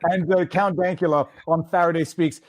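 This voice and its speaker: A man from Quebec hosts a livestream interview, rambling in a chatty way and stacking up questions. His voice is fairly high for a man, with a steady tone at normal speed. The sound is dry and close, with no room sound.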